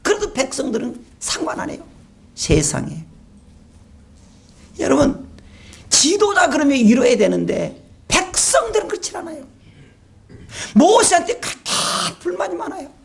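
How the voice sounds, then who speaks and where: A woman pastor preaching a sermon, retelling the story with animated storytelling and rhetorical questions to the congregation. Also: sits high, normal speed, gravelly, long pauses.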